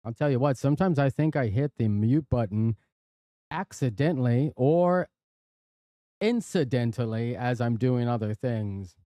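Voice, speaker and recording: A man's voice: mid-range voice, expressive, a little slow, dark tone, soft background music. A man hosting a live stream from his workshop, chatting casually and playfully reading out viewer jokes. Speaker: livestream host. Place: workshop and studio.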